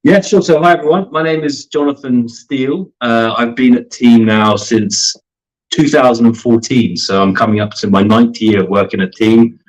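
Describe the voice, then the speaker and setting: A man in his thirties giving a guest interview, laying out his points in a clear, organized order. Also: mid-range voice, fairly even intonation, normal speed, poor audio. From grew up in Germany, the UK and Canada. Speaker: sports marketing team leader, guest. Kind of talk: conversational interview answers.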